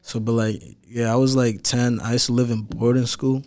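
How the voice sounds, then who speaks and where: A man's voice: mid-range voice, flat delivery, moderate pace, darkish tone. Teenage man rambling in casual chat. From Nigeria. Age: teens. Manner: rambling, many filler "like"s, loose slang. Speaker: guest rapper.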